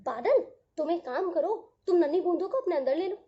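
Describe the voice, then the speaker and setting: A woman voicing a kindly, sleepy male sun who gently questions others and tries to make peace, for a children's storybook tale. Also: very high-pitched, lively intonation, brisk. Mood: gentle. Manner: gentle, mildly puzzled questioning. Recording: dull lo-fi audio.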